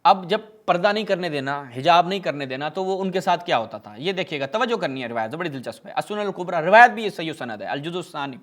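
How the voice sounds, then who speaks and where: A man's voice: fairly high pitch, lively intonation, few pauses, fairly bright tone. A man giving a polemical religious lecture, reading narrations aloud and mocking them with sarcastic asides. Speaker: religious speaker.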